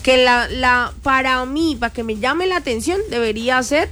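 A woman's voice: high-pitched, normal speed, a bit bright. A woman co-hosting a sports radio show, chiming in with short opinions and reading event details. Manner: brief agreeing interjections, reads event details. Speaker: radio co-host. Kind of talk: casual sports debate.

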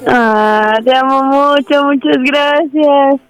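A young woman on speakerphone during a phone call, just woken up, giving brief, shy replies with soft laughs. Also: high voice, takes it slowly, soft background music. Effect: on speakerphone over a phone call. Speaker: birthday listener called on air.

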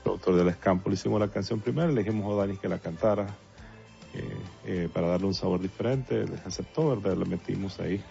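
A man from El Salvador speaks in a deep, gravelly voice. He is a guest in a relaxed interview and talks haltingly, with many fillers and restarts. The recording is dull and lo-fi, with faint music behind him. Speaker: guest songwriter and producer. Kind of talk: casual interview talk.

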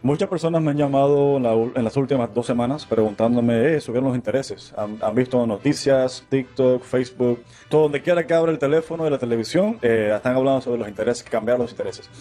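A man's voice: medium pitch, fast, few pauses, mellow, soft background music. A man in his thirties from Cuba, a mortgage lender explaining things earnestly as a guest. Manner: earnest, many fillers and restarts.

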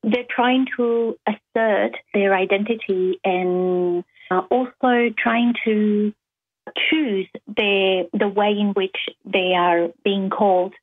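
A woman from Argentina, a native Spanish speaker and university lecturer, answering interview questions slowly and thoughtfully, with many ums and restarts. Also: mid-range voice, fairly even intonation, dry recording. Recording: tinny phone line, dry.

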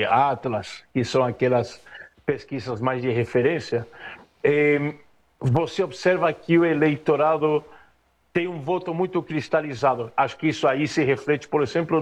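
A man's voice: a little high, dry recording. Argentine-born man analyzing politics, dry sound. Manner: measured, analytical, with frequent hesitations. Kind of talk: political interview commentary.

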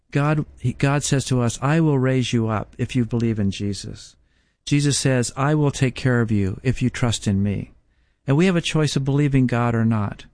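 A Bible teacher in his fifties delivers a sermon slowly and emphatically, repeatedly posing rhetorical questions. His voice is medium-pitched and a little mellow, with no echo.

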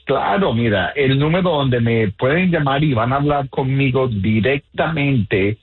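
A man's voice: medium pitch, animated, unhurried, slightly rough, soft background music. A man from Colombia, a real estate agent, explaining earnestly on a radio call-in show with many fillers. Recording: tinny phone line.

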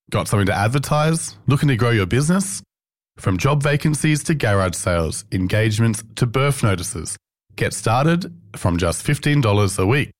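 A man's voice: mid-range voice, no room sound. A man reading a scripted radio advertisement in an upbeat promo style. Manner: upbeat salesy promo delivery. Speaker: advertisement announcer. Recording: dry close studio voice.

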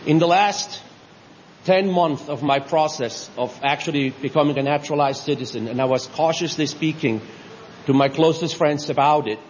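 A man's voice: fairly high pitch, slight background noise. Reflective middle-aged man from Switzerland. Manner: reflective, halting with pauses. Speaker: new citizen giving a speech. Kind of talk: personal ceremonial speech. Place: large tent at an outdoor ceremony. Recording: reverberant dull audio with faint ambience.

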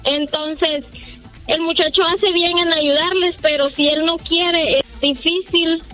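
A woman calling in to a radio show, speaking in an earnest, measured way. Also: very high-pitched, fairly even intonation, bright, forceful tone, faint music behind. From Honduras. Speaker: caller. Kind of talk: phone-in radio call.

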